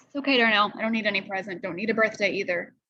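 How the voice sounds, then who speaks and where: A stubborn nine-year-old boy from a storybook who keeps asking questions. He sounds earnest, and the voice is bright and close-miked with no room sound, read by a woman. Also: mid-range voice, rapid-fire, no echo, dull audio.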